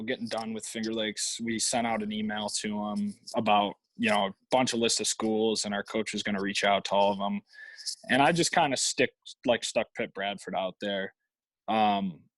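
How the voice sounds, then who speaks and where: Young male ballplayer guest, mid-pitched, dead-dry mic, rambling delivery. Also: dry recording, low-quality recording. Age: young adult. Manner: rambling, lots of fillers and restarts. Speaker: guest, college baseball player. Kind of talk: casual interview.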